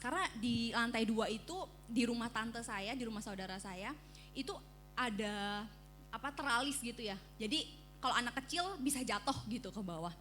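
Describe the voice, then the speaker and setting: A woman preaches at a church service, her voice high and bright. She tells her story in an animated way and acts out the screams in it. Faint music plays underneath. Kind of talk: sermon with personal story.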